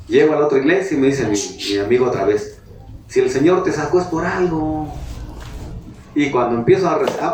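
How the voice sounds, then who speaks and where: A man's voice: medium pitch, darkish tone, a little hiss or hum. A Mexican man preaching a sermon as pastor, talking in a conversational way and asking his congregation questions. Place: church hall. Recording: echoey hall, mic at a distance.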